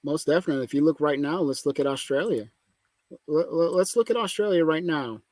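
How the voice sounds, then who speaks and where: Man, podcast host, emphatic and opinionated, higher pitch, dry close sound. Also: expressive, fairly quick, darkish tone, no room sound. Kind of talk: casual political chat.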